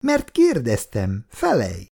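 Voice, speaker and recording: A man's voice: mid-range voice, wildly swooping pitch, vocal fry, a little mellow, breathy edge, exaggerated voice. A man reading aloud and voicing an anxious, hardworking teenage schoolgirl who is close to tears, her voice trembling as she pleads. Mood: insistent.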